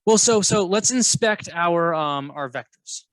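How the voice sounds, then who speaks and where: A man's voice: high-pitched, expressive, unhurried, fairly bright tone, no room sound. A man teaching math alongside a colleague, playful and jokey, guiding with questions. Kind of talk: co-teaching a lesson, casual banter.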